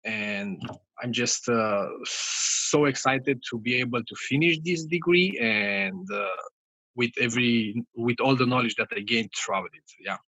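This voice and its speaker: Bright, halting Romanian-accented man. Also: mid-range voice, no room sound, low-quality recording. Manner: halting, many fillers and restarts. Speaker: guest pianist. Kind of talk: interview answers.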